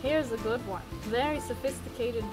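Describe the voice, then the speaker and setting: A woman's voice: fairly high pitch, normal speed, darkish tone, faint music behind, rough recording. A young woman in casual chat, reading out would-you-rather questions with a dry, playful manner. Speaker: question asker.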